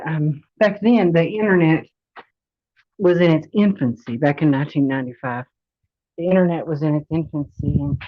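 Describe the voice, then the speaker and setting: A vlogger in her forties with a low voice shares personal experience in a casual, rambling monologue, often circling back to repeat herself. The audio has no room sound and its highs are cut off.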